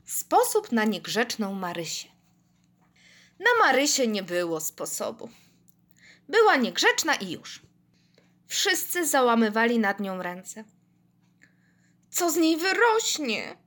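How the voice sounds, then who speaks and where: A woman reading a children's story aloud with expressive, animated delivery. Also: fairly high pitch, slow pace, pauses often.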